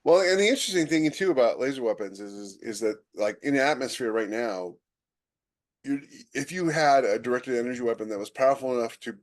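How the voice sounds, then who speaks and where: A man co-hosts a casual podcast, explaining things conversationally as a military sci-fi writer. His mid-range voice is brisk, and his sentences often trail off and restart.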